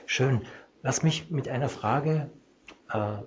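A man hosting a radio interview, halting and searching for words as he asks his questions. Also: mid-range voice, lo-fi sound, background noise. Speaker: radio host.

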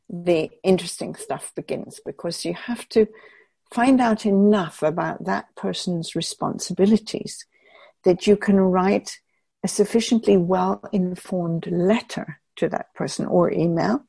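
An older woman from England giving measured, thoughtful interview answers, with frequent restarts as she gathers her words. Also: on the low side, creaky, mellow, husky, dry recording. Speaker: interviewee, peace researcher.

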